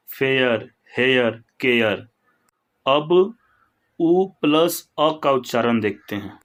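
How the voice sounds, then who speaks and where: Very slow, deliberate male pronunciation teacher. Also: medium pitch, low-quality recording. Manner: slow, deliberate listing of example words. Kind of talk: pronunciation lesson.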